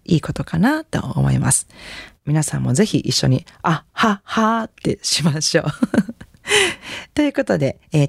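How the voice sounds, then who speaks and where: A woman radio host and jazz singer with a Kansai accent, chatting in a relaxed, gently encouraging way between songs. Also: sits low, creaky, husky, no room sound, clean studio sound. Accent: Kansai Japanese.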